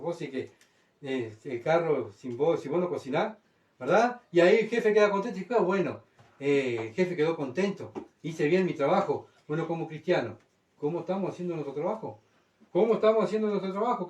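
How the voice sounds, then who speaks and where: A man's voice: sits high, a little mellow, echoey room, recorded from a distance. A man preaching a conversational sermon, often asking the congregation questions.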